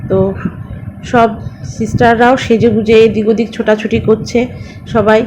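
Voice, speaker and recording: A woman's voice: on the high side, level tone, normal speed, a little mellow. A middle-aged woman narrating her family vlog in a chatty, rambling way, often picking up again with filler words. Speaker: family vlogger. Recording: noisy home recording with vehicle sounds.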